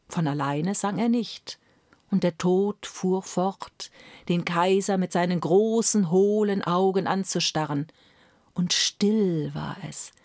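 A woman reading a fairy tale aloud, dramatic and measured, sometimes dropping to a whisper. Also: on the low side, darkish tone, no room sound, studio quality. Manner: slow, dramatic, drops to whispers. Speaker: storyteller.

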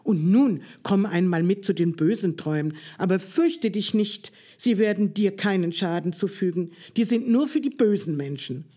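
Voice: mid-range voice, lively intonation, moderate pace, few pauses, mellow, close to an everyday voice. A reader voicing a kindly, playful king of dreams in a storybook reading. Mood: reassuring. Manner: friendly, teasing storyteller.

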